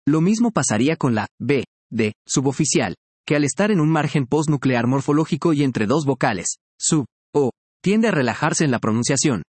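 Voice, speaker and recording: A man narrating a scripted language lesson, measured and precise, spelling out syllables slowly. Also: on the high side, animated, darkish tone, no room sound. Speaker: language teacher.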